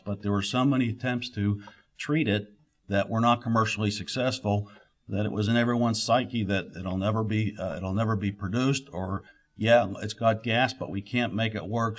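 A middle-aged man speaks at a conference podium into its microphone, with a slightly low voice. He is a geologist delivering a keynote, and he talks haltingly, full of "uh" fillers and restarted phrases.

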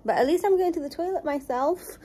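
A woman's voice: high voice, a little fast, warm tone. A young woman vlogging while recovering from surgery, talking to viewers with a shaky, pained voice. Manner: chatty, talks to viewers. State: shaky voice, in pain. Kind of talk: casual vlog.

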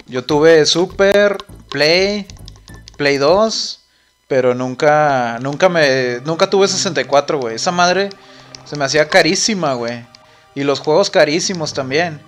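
A young man with a Mexican accent talks loosely while he streams a game. His voice sits a little high, and he rambles with plenty of swearing and "güey" in nearly every line. Faint game music plays underneath. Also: fairly bright tone. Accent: Mexican Spanish. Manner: rambling, profane, says "güey" constantly. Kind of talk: casual chat while gaming on a live stream.

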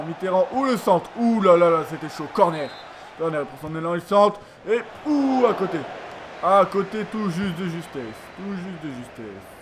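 A man commentating his own football video game match, excitable and repeating his exclamations, sounding freshly woken up. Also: fairly high pitch. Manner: excitable, repeats phrases, lots of ooh-la-la exclamations. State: just woke up, yawning. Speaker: gaming YouTuber. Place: home room at a computer. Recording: noisy home recording.

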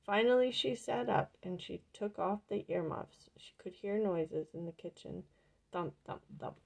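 A woman reading a picture book aloud in plain, unhurried storybook narration. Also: medium pitch, gravelly, slightly rough.

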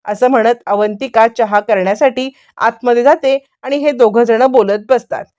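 A woman's voice: on the high side, moderate pace, warm tone, dull audio. A woman narrating a dramatic TV serial recap with repetitive, emphatic storytelling.

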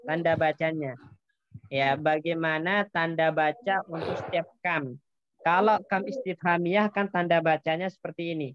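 A man's voice: fairly high pitch, smooth, no room sound, dull audio. A man teaching an Arabic grammar class, patiently explaining step by step and quizzing his students.

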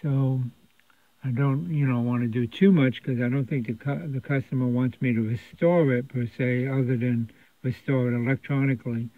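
A man with a mid-range voice speaks at normal speed and with fairly even intonation while presenting a repair video as a radio repair technician. His workbench narration, recorded in an indoor electronics repair workshop, is casual, unscripted, and rambling in a conversational way. The audio is dry and thin, resembling a phone.

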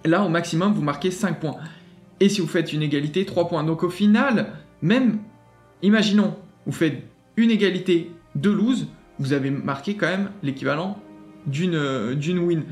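A man's voice: a little high, moderate pace, faint music behind. Chatty French-speaking man, upbeat. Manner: chatty, enthusiastic, many fillers and restarts. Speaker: gaming channel host. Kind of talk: casual screen walkthrough.

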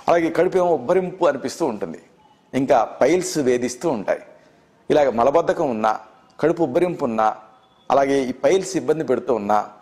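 A middle-aged Telugu-accented man with a slightly raised voice, teaching health tips as a doctor. He lists remedies in a measured, steady way, repeating phrases as he goes. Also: on the high side. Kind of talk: instructional health talk.

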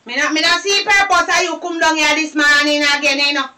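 A Jamaican actress playing a nagging, demanding girlfriend, scolding and shouting in a sing-song patois. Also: sits high, steady tone, a little fast. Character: nagging, demanding young woman, sharp-tongued girlfriend. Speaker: actress in a low-budget film. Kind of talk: Jamaican film acting in patois. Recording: distant mic with faint noise.

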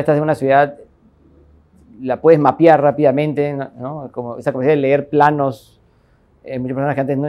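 Sitting in an office lined with bookshelves, a Peruvian architect in his forties from Lima reflects aloud during an interview, his accent Lima Peruvian Spanish. His mid-pitched delivery is calm and steady, thoughtful, dotted with fillers and questioning "¿no?" tags.

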